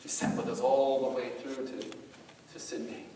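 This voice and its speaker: A middle-aged male pastor giving a sermon in an animated, conversational storytelling way, with many asides. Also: mid-range voice, measured pace. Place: church hall. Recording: echoey hall, mic far off, faint noise.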